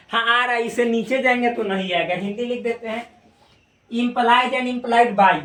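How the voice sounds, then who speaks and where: Female math teacher, slightly high voice, repeats terms patiently, recorded far off in an echoey room. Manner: slow, repeats terms in Hindi and English. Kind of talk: classroom lesson on a whiteboard.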